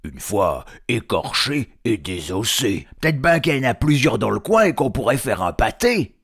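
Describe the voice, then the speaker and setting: A man doing gravelly dim-witted storybook trolls. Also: medium pitch, big pitch swings, moderate pace, pitched above the performer's own voice, exaggerated voice. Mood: gruff. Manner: gruff, drawling, shouting and bickering. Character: hulking dim-witted male trolls, quarrelsome. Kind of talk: storybook reading.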